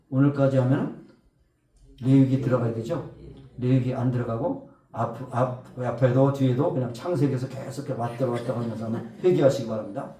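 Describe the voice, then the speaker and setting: A man's voice: medium pitch, mellow, roomy sound, distant mic. A man preaching a Sunday sermon, swelling for emphasis and often putting rhetorical questions to the congregation. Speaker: pastor. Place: church sanctuary.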